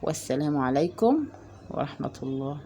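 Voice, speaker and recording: A woman's voice: low-pitched, big pitch swings, fairly quick, warm tone, slight background noise. A woman with an Egyptian accent chatting casually to her viewers at home about her cats, rambling with lots of fillers. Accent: Egyptian Arabic. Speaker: cat vlogger.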